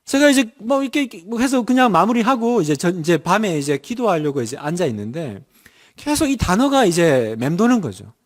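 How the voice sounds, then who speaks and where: A middle-aged man preaches a sermon and leads his congregation in prayer. His voice sits fairly high for a man, and he leans on rhetorical questions. At tender points he sinks into a soft, hushed tone. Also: very animated, brisk. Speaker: pastor.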